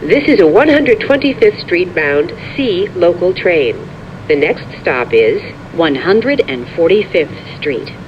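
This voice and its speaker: A prerecorded train announcer heard over a subway car's intercom, giving stops in an even, measured delivery. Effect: over a train intercom speaker. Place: inside a subway car. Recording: muffled lo-fi train speaker, rumble behind.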